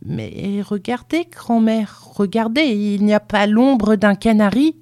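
A woman's voice: mid-range voice, animated, takes it slowly, darkish tone, dry recording, pitched above the performer's own voice. A woman voicing a frightened young grandson who pleads hesitantly. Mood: pleading.

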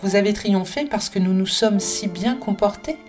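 A woman voicing a thoughtful, earnest Englishman in an audiobook, speaking in a measured, questioning way. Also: medium pitch, a little mellow, soft background music, voice pushed up, lightly acted.

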